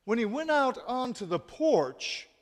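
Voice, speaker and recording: A male storyteller recounting a scripture story in a measured way, hushed at the close, in a large assembly hall. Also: very high voice, big pitch swings. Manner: measured, dropping to a hush at the close. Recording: echoey hall.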